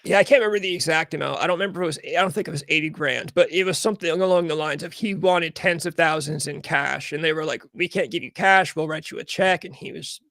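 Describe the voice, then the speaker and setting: A man hosting a podcast, chatting casually and excitedly, swearing and acting out quotes from stories. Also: fairly high pitch, fast, creaky, hardly any pauses, no echo. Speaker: podcast host. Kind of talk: casual chat.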